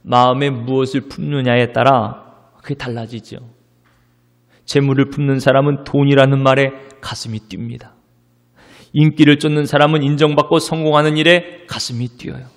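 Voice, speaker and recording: A male pastor preaching a sermon, dramatic, moving between loud declarations and hushed whispers. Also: medium pitch, steady tone, moderate pace. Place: church sanctuary. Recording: long church-hall reverb.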